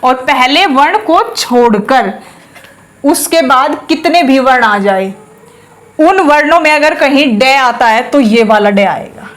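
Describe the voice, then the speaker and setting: High-pitched lady teacher going over spelling, says words again and again slowly. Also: expressive, a bit bright. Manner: explains patiently, repeats words slowly to drill pronunciation. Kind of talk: classroom lesson on a whiteboard.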